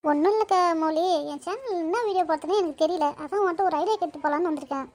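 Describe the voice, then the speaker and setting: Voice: extremely high pitch, quick pace, a little mellow. A voice actor playing a snarky, sarcastic girl friend in a cartoon. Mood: chatty. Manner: mocking, sarcastic.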